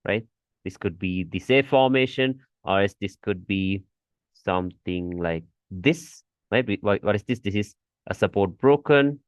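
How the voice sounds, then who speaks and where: Low-voiced man teaching a trading lesson. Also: no echo. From Malaysia. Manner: repeats points with frequent "okay", emphatic warnings. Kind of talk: screen-share trading lesson.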